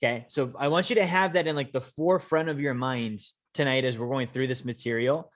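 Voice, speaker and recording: Brief: male host from Alaska, webinar presenter, measured delivery, fillers, slows for emphasis. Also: medium pitch. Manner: measured, slows to stress key points, frequent "um" and "okay?". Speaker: host, wealth coach.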